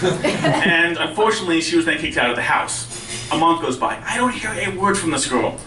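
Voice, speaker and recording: A man doing conversational, self-deprecating stand-up storytelling, with a speech impediment that softens his R's toward W. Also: a little high, animated, moderate pace, over music. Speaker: stand-up comedian. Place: indoor live stand-up venue with audience. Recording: roomy live club, distant mic, faint noise.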